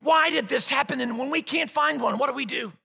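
A man preaching a sermon as pastor, swinging from low hushed passages to loud shouted climaxes. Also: a little fast, gravelly. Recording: long hall reverb.

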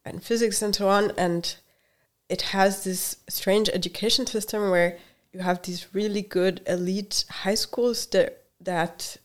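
A woman's voice: mid-range voice, fairly even intonation, unhurried. A woman from Hungary talking as a guest in a casual interview, hesitant, with many fillers and laughs, tired from little sleep.

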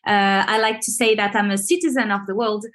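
A woman's voice: medium pitch, brisk, fairly bright tone. A woman being interviewed over a video call, talking casually with many fillers and restarts. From Venezuela. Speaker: guest, marketing manager. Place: home in Paris.

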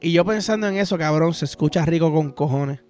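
A man's voice: fairly high pitch, a little fast, a little mellow, faint music behind. A man with a Puerto Rican accent, hosting a podcast in a crude, rambling, profane comic monologue. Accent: Puerto Rican Spanish. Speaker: podcast host. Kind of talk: casual comedic podcast monologue.

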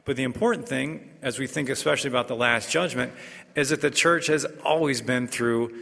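In the long reverb of a large church, a priest reads the gospel and then preaches a homily. He speaks in a measured, unhurried way, with the odd filler and restart. His mid-range voice is creaky and bright, with a forceful tone.

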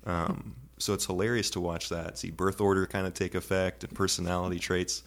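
A young father talking in a casual panel chat, thoughtful and halting, with many fillers. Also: deep voice, level tone, vocal fry, fairly bright tone. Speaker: parent guest on a panel.

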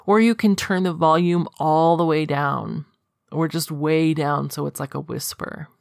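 Calm woman coach with a gravelly edge. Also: low-pitched, no echo, clean studio sound. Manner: calm, gently instructive. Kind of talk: guided self-help instruction.

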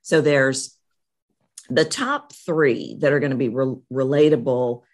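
A woman's voice: a bass voice, a little slow. A middle-aged woman, a voice coach, speaking energetically and emphatically as an interview guest, often repeating phrases.

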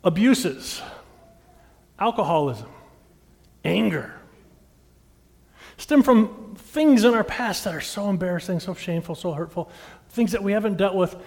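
High-voiced middle-aged pastor in a reverberant hall. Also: male voice. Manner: dynamic, swings from loud emphatic lines to hushed intimate ones; talks directly to the congregation with questions. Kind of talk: sermon. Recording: long reverb of a large hall.

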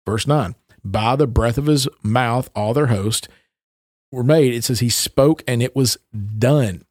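A man's voice: medium pitch, unhurried, darkish tone, no room sound, clean studio sound. A man co-hosting a casual Bible discussion, reading verses and explaining them, stressing the key phrases.

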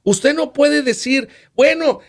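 Man, preacher type; high and very expressive, scripture-quoting sermon delivery. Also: measured pace. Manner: preachy, asks rhetorical questions, quotes scripture. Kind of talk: sermon-style teaching on marriage.

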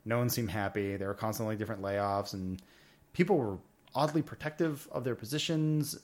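A man's voice: on the low side, fairly quick. A man as a podcast guest, telling stories in an informal, rambling conversational way. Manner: informal, rambling, quoting himself and others. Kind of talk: casual conversational storytelling.

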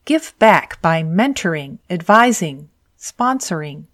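A woman presenting scripted advice to viewers in an orderly, measured way, setting out her points clearly one by one. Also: on the low side, sing-song, fairly bright tone.

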